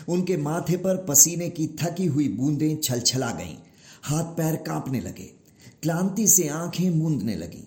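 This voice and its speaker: A man telling a mythological story in measured, expressive narration. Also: on the high side.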